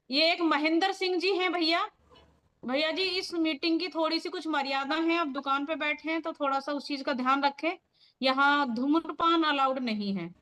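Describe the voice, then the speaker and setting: A high-pitched woman speaks over a video call, leading a training session for her team. She talks in an earnest, firm and encouraging way, in a plain meeting-leader style. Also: bright, forceful tone.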